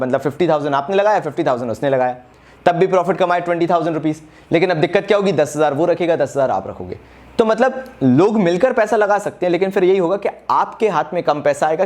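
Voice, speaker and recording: A man with a somewhat high voice runs a brisk exam-revision lesson. He talks directly to his students, hurries them to write things down, and slips English terms into his casual explanations. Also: a little mellow. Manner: mixes English terms into casual speech, calls students brother. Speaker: commerce teacher. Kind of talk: fast exam-revision lecture.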